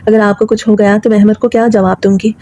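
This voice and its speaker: A woman's voice: mid-range voice, little pitch movement, dark tone, lightly acted. A woman voicing a patient young daughter-in-law who pleads humbly and tearfully, in a storybook reading. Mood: pleading.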